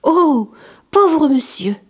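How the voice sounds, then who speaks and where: Lady doing a curious innocent little boy, high and eager, storybook style. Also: very animated, extremely slow, exaggerated voice. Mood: wondering. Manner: eager questioning. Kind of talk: storybook reading.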